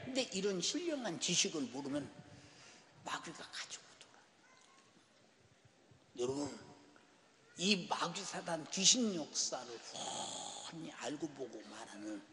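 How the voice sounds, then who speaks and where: A man preaching an emotional church sermon. He swings between hushed whispers and loud shouts and keeps tossing rhetorical asides to the congregation. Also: high voice. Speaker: pastor. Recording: long church hall reverb.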